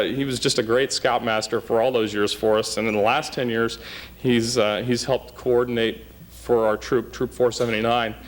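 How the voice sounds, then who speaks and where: A man speaks at a banquet podium, telling tales from scout camp. He keeps an anecdotal, joking rhythm and checks in with the room with "okay?". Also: medium pitch. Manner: anecdotal, often tags sentences with "okay?". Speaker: scout troop leader presenting a plaque. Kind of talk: humorous after-dinner tribute speech. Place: banquet hall.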